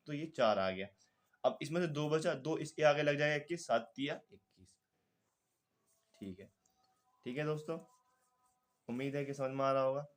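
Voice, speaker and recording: A man with a Hindi accent teaching a math lesson step by step, patiently talking through each calculation aloud. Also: mid-range voice.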